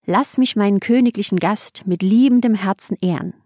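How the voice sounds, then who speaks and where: A woman's voice: mid-range voice, normal speed, darkish tone, no room sound, clean studio sound, lightly acted. A woman reading the lines of a reverent, hospitable male hermit in solemn, formal speech. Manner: reverent, pleading address. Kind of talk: audiobook reading.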